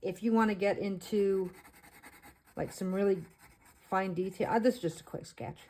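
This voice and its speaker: A woman with a Canadian accent giving a casual art tutorial voice-over, talking in short, halting phrases with fillers. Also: mid-range voice, warm tone. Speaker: artist teaching beginners.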